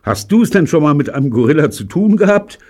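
A man's voice: fairly high pitch, very animated, fast, darkish tone, voice pushed up. Man doing a stammering doubtful pupil.

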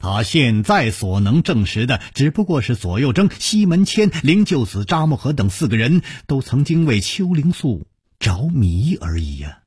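A man narrating a martial arts story in a traditional storytelling style, with slow, animated, dramatic phrasing. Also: mid-range voice, slightly rough, no echo, clean studio sound.

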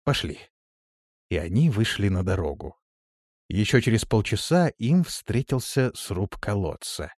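A man narrating an audiobook in an expressive, steady storytelling manner. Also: lowish voice, unhurried, no room sound, studio quality. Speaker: audiobook reader. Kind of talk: scripted narration.

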